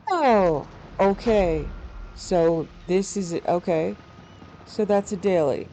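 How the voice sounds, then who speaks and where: A woman's voice: fairly low pitch, slow pace, dark tone, rough recording. A woman casually commentating on a game she is playing and reading bits of its text aloud. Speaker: gamer host. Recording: faint background noise.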